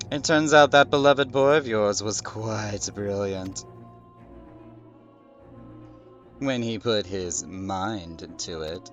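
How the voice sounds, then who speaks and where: A man's voice: mid-range voice, a bit bright, highs cut off, close to an everyday voice. A man voicing a gloating, pompous inventor lord from a video game, theatrical and condescending. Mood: boastful.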